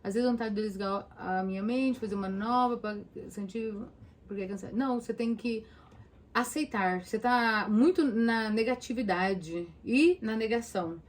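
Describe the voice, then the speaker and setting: Brazilian lady therapist chatting to her viewers, kinda high voice, punchy and direct. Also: moderate pace. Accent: Brazilian Portuguese. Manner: emphatic, speaks straight to the listener with rhetorical questions. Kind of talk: casual talk to viewers about anxiety.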